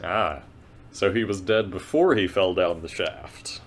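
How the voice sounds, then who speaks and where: Slow, halting man with a low voice. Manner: halting, thinking aloud. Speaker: player in a tabletop role-playing game. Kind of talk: casual game-table chat.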